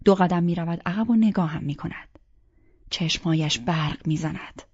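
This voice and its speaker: A woman reading a first-person audiobook in a soft, intimate voice that often sinks to a half-whisper, on a dull lo-fi recording. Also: lowish voice, slightly rough. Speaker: audiobook narrator. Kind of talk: first-person scripted narration.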